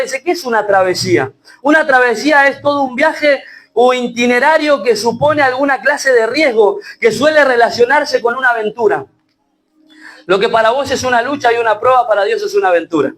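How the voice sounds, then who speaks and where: A man pastor with a Rioplatense Spanish accent preaching a sermon, moving from quiet reasoning to shouting. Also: extremely high pitch, low-quality recording. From Argentina. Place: church.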